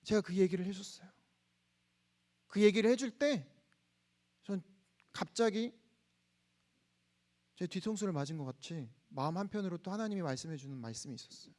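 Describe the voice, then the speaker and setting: A man in his thirties preaching a sermon to a campus congregation. He leads the reading of scripture aloud and tells a personal story in a soft, hushed voice. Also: high voice, moderate pace, pauses often.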